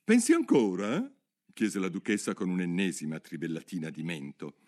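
A man narrating a storybook aloud in a lively, expressive reading. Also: low voice, a little fast, faint music behind. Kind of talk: audiobook reading.

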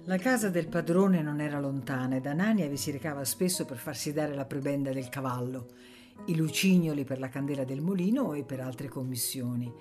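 A woman reading a novel aloud for radio in a measured, expressive way. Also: deep voice, music in the background. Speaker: audiobook reader.

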